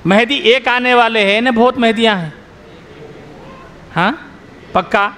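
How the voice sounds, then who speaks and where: A man's voice: very high-pitched, unhurried, pushed and bright, big-room sound, slight background noise. A middle-aged man, a maulana, giving a religious workshop lecture to a live audience, telling everyday stories and often putting questions back to his listeners. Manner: quizzes the audience with repeated questions; storytelling with everyday examples. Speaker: Islamic scholar, maulana.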